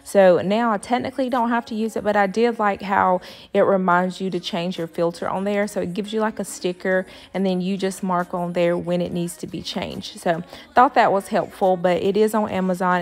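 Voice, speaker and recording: A woman's voice: fairly low pitch, steady tone, moderate pace. A young woman giving a casual voice-over for her home cleaning vlog, musing aloud with plenty of filler words. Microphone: voice-over, not recorded in the pictured kitchen.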